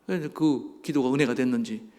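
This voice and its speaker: A man's voice: mid-range voice, fairly quick, a little mellow. A middle-aged man, a pastor, preaching a sermon and putting rhetorical questions to his congregation in a church sanctuary. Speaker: senior pastor. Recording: long reverb of a church hall.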